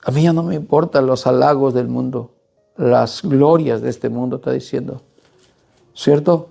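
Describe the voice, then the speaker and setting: A male preacher delivering a sermon with a gravelly, low-toned warmth in his voice. He pushes his points hard and keeps checking in with the listeners through quick questions. Faint music plays softly behind him. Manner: emphatic, asks the congregation rhetorical questions.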